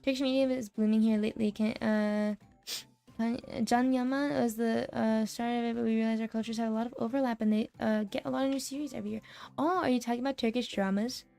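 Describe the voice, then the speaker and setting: A young American woman streaming a casual chat, telling stories in a lively way, laughing often and swearing freely. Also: a little high, quick pace, gravelly, soft background music. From United States.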